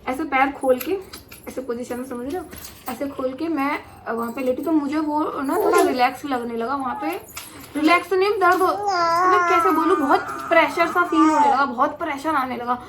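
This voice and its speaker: A woman's voice: high-pitched, normal speed, very noisy. A young woman telling a story in casual chat, acting out her own cries and other people's lines. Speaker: vlogger.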